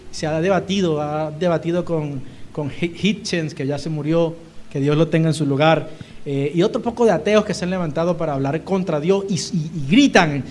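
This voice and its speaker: High-voiced animated Spanish-speaking preacher. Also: male voice, slight background noise. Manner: animated, acts out quoted shouting. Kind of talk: sermon.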